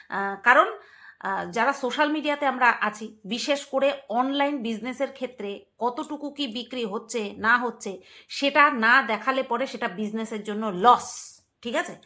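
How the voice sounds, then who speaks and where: A young woman from Bengal talks straight to her viewers in a loose, chatty vlog. Her voice is bright and sits a little high, and she leans on words, repeating them playfully as she makes her points. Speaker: vlogger. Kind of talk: casual commentary to camera.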